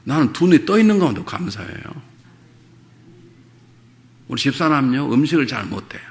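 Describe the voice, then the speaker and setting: Lively, gravelly Korean pastor preaching. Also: male voice, medium pitch, brisk. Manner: humorous storytelling, rising to fervent exhortation. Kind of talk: revival sermon.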